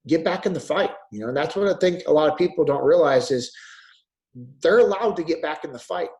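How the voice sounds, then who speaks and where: A man in his thirties recounts a family story in easy, casual conversation, slipping into the voices of the people he quotes. His voice sits on the higher side for a man, and he talks at an unhurried pace. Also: expressive, darkish tone, rough recording. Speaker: podcast guest.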